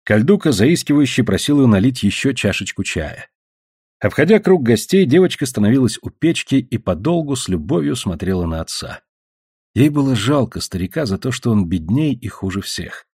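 A man's voice: medium pitch, very animated, moderate pace, darkish tone, husky, no room sound, studio quality. A man narrating an audiobook, reading expressively and voicing the characters.

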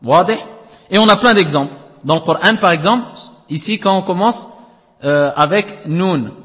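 A man's voice: high-pitched, moderate pace, fairly bright tone, big-room sound. A man teaching Quranic recitation rules in a classroom lesson, explaining step by step, checking understanding with frequent tag questions, and chanting letters at length.

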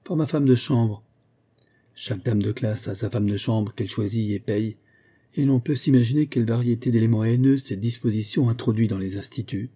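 Man, audiobook narration, low voice, dark tone, husky. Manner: measured, storytelling. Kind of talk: scripted narration of a novel.

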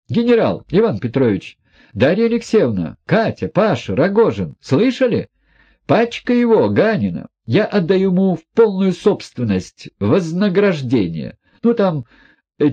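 A man's voice: fairly high pitch, mellow, husky, dull audio, voice pushed up, exaggerated voice. A man voicing an imperious reckless young woman. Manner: commanding, exclamatory.

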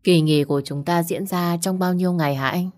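A woman's voice: fairly low pitch, steady tone, a little fast, darkish tone, lightly acted. A woman voicing an eager young newlywed wife who asks curious questions.

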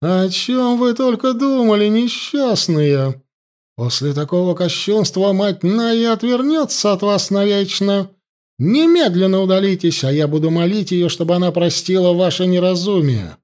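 A man voicing a cruel, imperious older high priestess in an audiobook, speaking harshly and with command. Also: animated, slow, darkish tone. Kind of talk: audiobook character voice.

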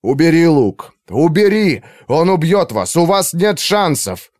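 A man voicing a harried male commander shouting orders over a storm. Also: on the high side, sing-song, a little slow, dry recording, clean studio sound, pitched above the performer's own voice. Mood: urgent.

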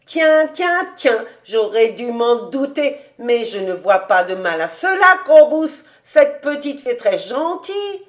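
A woman reading aloud, voicing an excitable old male rabbi with loud, high, emphatic exclamations. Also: natural voice. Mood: excited, coaxing. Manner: emphatic, slow, coaxing.

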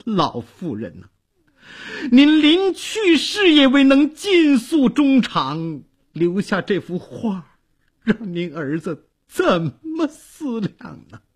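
A sobbing old servant woman, put on by a male storyteller, her words breaking apart in halting, tearful bursts. Her voice climbs and falls widely and drags slowly, with a husky edge. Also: extremely high pitch, wildly swooping pitch, voice pushed up, exaggerated voice. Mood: wailing. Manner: broken, halting speech through sobs. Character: grieving elderly female servant.

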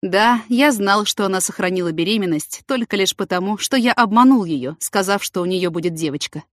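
A middle-aged male head of a maternity ward, voiced by a woman narrator, firm and brisk like a doctor on rounds. He is read in close to her own register, with no deepening of the voice. The recording is dry and close. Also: no room sound, natural voice.

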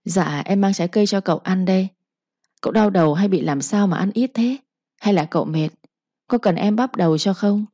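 A woman's voice: medium pitch, brisk, mellow, dry recording, lightly acted. A woman voicing a sly young female servant who whimpers and pleads while faking pain. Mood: timid. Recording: slightly muffled recording.

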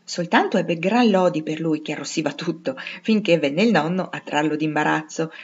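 A woman narrating a classic novel in a measured, steady way. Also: sits low, husky, highs cut off. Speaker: audiobook reader.

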